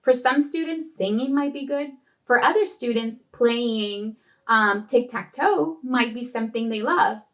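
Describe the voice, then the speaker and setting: A woman's voice: on the high side, unhurried. A woman who tutors children online, sharing casual teaching tips and acting out classroom dialogue. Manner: expressive, acts out classroom dialogue.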